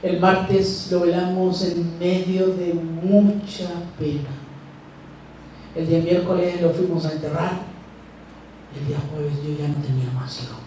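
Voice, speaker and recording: A middle-aged man from Chile speaks in a church, slow and halting, pausing often as he tells his story. His voice is mellow and slightly high for a man. The sound is heavily echoey, picked up from across a hall with faint background noise. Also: steady tone. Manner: slow, halting, grief-heavy storytelling with long pauses. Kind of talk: personal testimony talk. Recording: echoey hall, mic far off.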